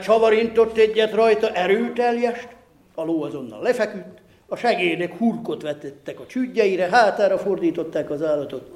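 A man telling an old folk tale in a lively, folksy way with rustic, old-fashioned words. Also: sits high, echoey room. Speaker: storyteller.

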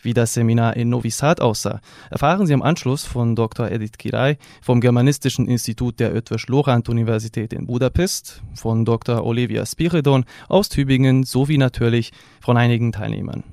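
A man presenting a scripted radio news report in a formal, even reading voice. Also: mid-range voice, brisk, vocal fry, hardly any pauses, no room sound, studio quality.

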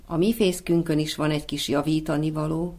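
A man's voice: on the high side, flat delivery, a little mellow. A man reading as a tender female swallow.

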